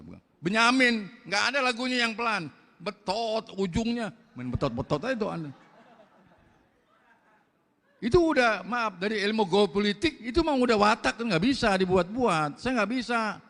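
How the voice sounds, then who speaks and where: An older man with a Betawi accent preaching a blunt, loud mosque sermon in slangy street talk, firing rhetorical questions at the congregation. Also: high-pitched, sing-song, moderate pace. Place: large mosque hall. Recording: long mosque reverb.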